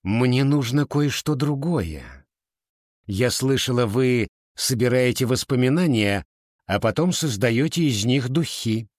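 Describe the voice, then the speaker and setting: A man's voice: mid-range voice, lively intonation, unhurried, dry recording, clean studio sound, lightly acted. Man voicing a commanding mysterious woman. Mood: cold, commanding. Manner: cold, demanding.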